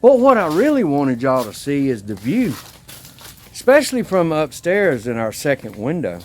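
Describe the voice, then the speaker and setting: Man vlogger, rambling and defiant, slightly high voice, handheld camera outdoors, cigar in mouth. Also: huge pitch swings, moderate pace, a little mellow. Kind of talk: casual walking vlog tour. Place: outdoors at a rural family home.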